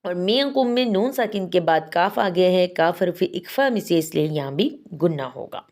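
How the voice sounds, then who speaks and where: A woman teaching Quran recitation rules in a patient, methodical way. She explains step by step and slowly models each pronunciation. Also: fairly low pitch, expressive, darkish tone.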